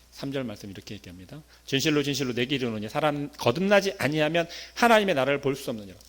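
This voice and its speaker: A male pastor delivering a sermon in a high, lively voice that climbs and dips widely. He keeps asking the congregation questions and swings from loud emphatic bursts down to hushed asides. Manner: animated, rhetorical questions to the congregation.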